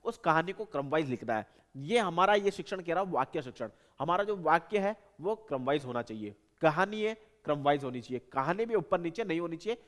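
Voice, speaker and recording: A man's voice: sits high, fairly bright tone, big-room sound. A man teaching an exam-prep lesson, explaining step by step and repeating key points in lists. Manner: repetitive, explanatory, stresses points by listing.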